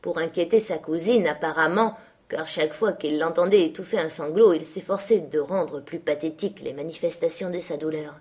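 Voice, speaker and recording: A woman reading a novel aloud as audiobook narrator, with measured, lowered storytelling delivery. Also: husky. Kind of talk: scripted narration.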